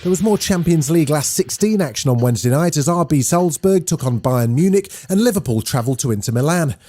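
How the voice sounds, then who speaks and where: A man hosting a daily news podcast, reading scripted news in a brisk, lively way. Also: a little high.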